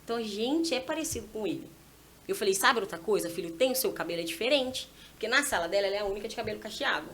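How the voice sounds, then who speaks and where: A quick-talking, chatty mom of a little girl appears as a guest on a church podcast, sharing a warm anecdote about raising her daughter as casual storytelling testimony. Her voice sits in the middle range, and she animatedly slips into both her own voice and her child's. There's a light hum of room noise in the background.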